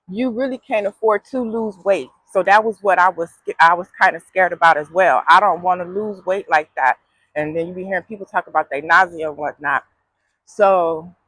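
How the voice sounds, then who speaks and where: A woman's voice: fairly low pitch, fairly bright tone, no room sound, low-quality recording. A woman vlogging in a casual, heartfelt way, giving frank, folksy advice with some sass and a preachy streak. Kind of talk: casual heartfelt vlog talk.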